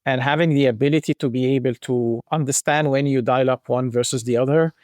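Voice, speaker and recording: A man's voice: medium pitch, fairly even intonation, brisk, darkish tone, no echo. Egyptian-born man, reflective, dry close sound. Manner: reflective, thinks aloud with many "like" and restarts. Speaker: guest, global brand marketing executive. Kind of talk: conversational podcast interview.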